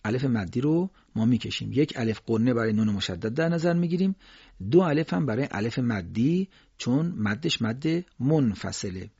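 Man teaching recitation, husky and dry. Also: medium pitch, dry recording, lo-fi sound. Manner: explains calmly, then slowly chants drawn-out Quranic examples. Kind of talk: tajwid lesson with chanted examples.

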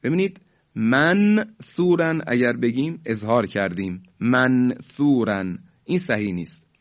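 A man of middle pitch teaches Quran recitation in a formal, courteous voice. He explains each rule and then chants the examples slowly, drawing out the sounds. The recording is dull and lo-fi. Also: sing-song. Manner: formal and polite, asks students to repeat after him.

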